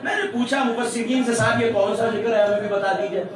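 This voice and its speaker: A high-pitched man delivers a Muharram sermon in a big prayer hall, questioning his listeners and swinging between soft and loud. His voice comes from far off, heavily reverberant, and the gathered congregation murmurs around it. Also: steady tone. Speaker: religious scholar giving a mourning sermon. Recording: echoey hall, voice from afar, crowd. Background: congregation responding.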